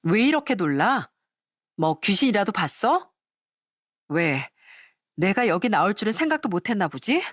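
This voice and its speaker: A woman's voice: mid-range voice, sing-song, normal speed, long pauses, no room sound, studio quality. A woman voicing a scornful ex-wife who sneers and scolds.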